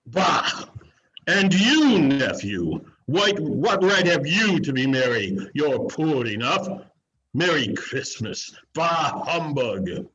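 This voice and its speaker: A man playing Scrooge, a bitter old miser with a gruff, husky voice, in an amateur dramatic reading. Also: a little high, sing-song, slow pace, a bit bright, a little hiss or hum, full character voice. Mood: angry, scornful. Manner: gruff, curt, exclamatory. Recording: dull lo-fi video-call audio.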